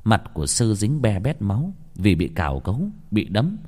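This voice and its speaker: A man narrating a scripted horror story, dramatic and expressive. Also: on the low side, moderate pace. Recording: long hall reverb.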